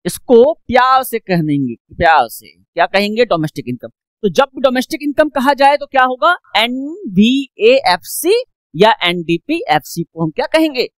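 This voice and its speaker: Lively woman teaching with questions. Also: on the high side, a little slow, no room sound. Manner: asks questions and answers them herself, repeats points; mixes English phrases into Hindi speech. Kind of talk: classroom economics lecture.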